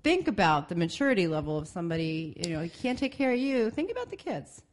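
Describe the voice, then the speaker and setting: A woman's voice: on the low side, sing-song, fast. A young woman co-hosting a casual podcast chat, talking loosely with lots of fillers and laughing often. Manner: chatty, giggly, filler-heavy. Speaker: podcast co-host.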